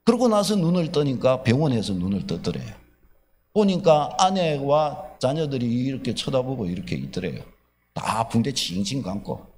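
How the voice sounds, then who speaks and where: A man's voice: medium pitch, moderate pace. A male pastor preaching a sermon, telling a story and acting out its characters with animation. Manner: animated, acts out dialogue.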